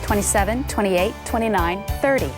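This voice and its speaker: A woman giving scripted CPR instruction, calm and clear, coaching step by step. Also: mid-range voice, fairly quick, music in the background.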